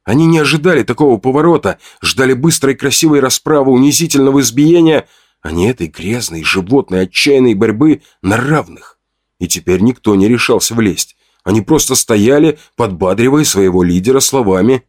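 A man's voice: mid-range voice, lively intonation, a little fast, dry recording, clean studio sound. A man giving a tense, dramatic first-person audiobook narration.

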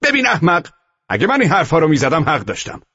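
A man performs a stern, commanding army sergeant for a storybook audio drama. He barks orders and scolds with a husky, rather high voice that swings widely in pitch. The recording sounds dull and lo-fi. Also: huge pitch swings, bright, forceful tone, heavily acted. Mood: scolding.

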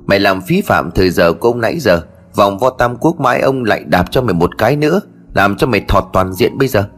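A man's voice: fairly low pitch, animated, fast talker, faint music behind, natural voice. A man voicing a bad-tempered, half-deaf middle-aged village chief who curses and scolds in a storybook tale. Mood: irritable. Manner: gruff, scolding, cursing.

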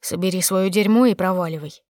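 A woman reading an audiobook and voicing a cold, contemptuous husband who is sometimes harsh and sometimes quietly menacing. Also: lowish voice, a little fast, no echo, clean studio sound, lightly acted. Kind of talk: audiobook character voice.

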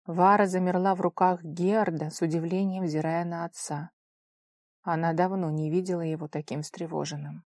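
A woman reading scripted fantasy narration in a measured, expressive way, close to the mic. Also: fairly low pitch, no echo. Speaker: audiobook narrator.

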